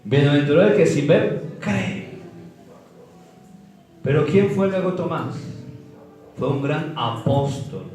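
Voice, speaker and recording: A man's voice: a little high, slow, pauses often, a little mellow. A man preaching a sermon, quizzing the congregation with call-and-response questions and swooping emphasis. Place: church hall. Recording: echoey hall from far off, faint music.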